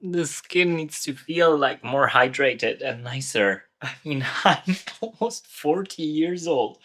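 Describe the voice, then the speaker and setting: A man in his late thirties chatting casually for a vlog, relaxed and often laughing, with many fillers, while showing around a barn and garden. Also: a little high, slow. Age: late 30s. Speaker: vlogger. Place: outdoors and in a barn on a rural property.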